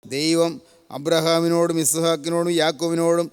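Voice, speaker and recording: A man's voice: a little high, flat delivery, normal speed, smooth. An older man from Kerala preaching a sermon, solemn and repetitive, stacking one parallel phrase after another. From Kerala, India. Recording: long hall reverb.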